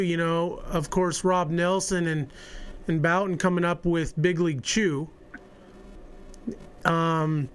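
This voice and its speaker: A male podcast host chatting casually with his guest, relaxed and full of fillers. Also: high voice, smooth. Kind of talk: casual interview chat.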